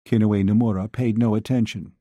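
Brief: male audiobook narrator, mellow and warm, dry close recording. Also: mid-range voice, expressive, moderate pace, breathy edge, dry recording. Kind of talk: scripted novel narration.

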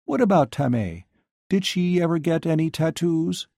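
A man's voice: on the high side, animated, moderate pace, gravelly, darkish tone, no room sound, studio quality, pitched above the performer's own voice. A man reading an audiobook, voicing a worn middle-aged professor who talks in an ingratiating, wheedling way. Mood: probing. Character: weary, lecherous middle-aged male professor, persistent.

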